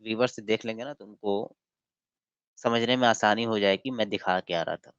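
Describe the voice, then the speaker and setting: A man's voice: lowish voice, normal speed, smooth, dry recording. Man, livestream debate host, mocking, lecturing, dry dull lo-fi sound. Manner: mocking, lecturing, reads passages aloud. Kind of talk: casual livestream debate and commentary.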